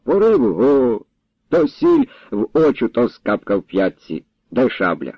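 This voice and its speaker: A man voicing a sleepy, gentle young village lad who talks in a mild, drowsy way. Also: mid-range voice, huge pitch swings, unhurried, vocal fry, dry recording, exaggerated voice. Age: young adult. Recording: dull, dry recording.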